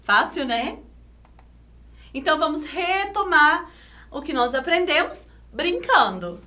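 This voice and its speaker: A woman teacher with a Brazilian Portuguese accent, giving a video lesson to children, sounding out syllables slowly and clearly and asking coaxing questions. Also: sits high, big pitch swings, bright, forceful tone. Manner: slow, over-enunciated syllables, coaxing questions.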